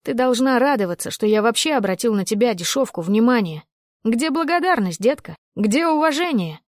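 A woman's voice: medium pitch, a little fast, a little mellow, dry recording, studio quality, close to an everyday voice. Woman voicing a drunk menacing man. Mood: furious. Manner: harsh with false tenderness. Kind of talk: audiobook character reading.

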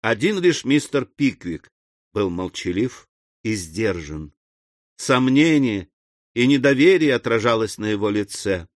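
Man, audiobook narrator, expressive reading, middle pitch, dry close mic. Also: dry recording.

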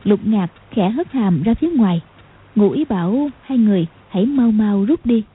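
A woman narrating an audiobook in a steady storytelling manner. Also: medium pitch, moderate pace, breathy edge, phone-quality sound. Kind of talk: scripted narration.

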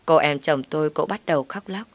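A woman telling a scripted first-person story in a calm, even manner. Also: deep voice, fairly quick, no room sound. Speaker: narrator.

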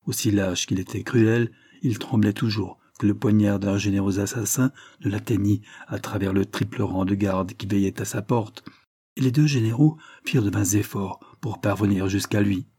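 A man narrating a classic novel aloud in a steady, measured storytelling manner. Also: fairly low pitch, husky. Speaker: audiobook narrator.

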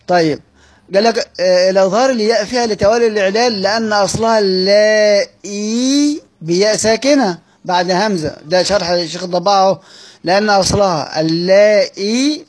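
A man with an Egyptian accent teaching Quranic recitation, reading a text aloud and explaining it, repeating phrases and quizzing his listeners. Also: sits high. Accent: Egyptian Arabic.

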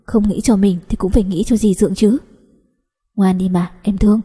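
A female narrator voices a young cousin who is tender and protective, alternating between coaxing and scolding. Her mid-range voice is dark and husky, with a steady tone and moderate pace, and a long reverb trails behind it like an audio storybook.

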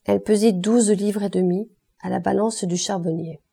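A woman reading a classic novel aloud as an audiobook, in a steady, expressive manner. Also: mid-range voice, moderate pace, creaky, slightly rough. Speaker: audiobook reader.

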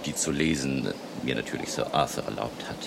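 An actor playing an elderly, eccentric professor in a German radio drama, emotional and courteous, theatrical and ruminative with rhetorical questions. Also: male voice, a bass voice, brisk, vocal fry, noisy background, full character voice. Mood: gentle, reflective. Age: older.

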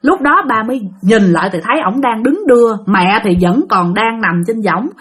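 Husky woman telling a ghost story. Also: on the high side, normal speed. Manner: animated, addresses listeners directly. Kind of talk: spoken ghost story narration.

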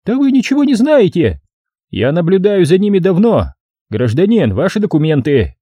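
A man's voice: wildly swooping pitch, moderate pace, dark tone, husky, no echo, clean studio sound, exaggerated voice. A man voicing a furious mother who screeches accusations. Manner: shrill, screeching. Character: screaming furious young mother.

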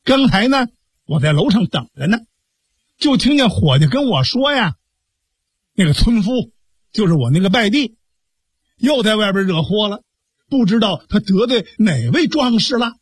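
A man's voice: high voice, big pitch swings, normal speed, long pauses, slightly rough, no echo, exaggerated voice. A man with a Beijing accent voicing a polished, courteous innkeeper who speaks politely and apologetically. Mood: apologetic.

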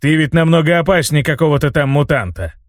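A man's voice: on the high side, lively intonation, fast talker, no room sound, clean studio sound, natural voice. A man playing a gloating, unhinged old mage. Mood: indignant. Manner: gloating, theatrical, breaks into laughter. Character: scheming old male mage, boastful and unhinged. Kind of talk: audiobook character reading.

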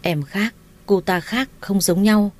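A woman's voice: on the low side, normal speed, darkish tone, close to an everyday voice. A woman voicing a blunt, scornful young husband in a read-aloud romance story, curt and dismissive. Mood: gentle.

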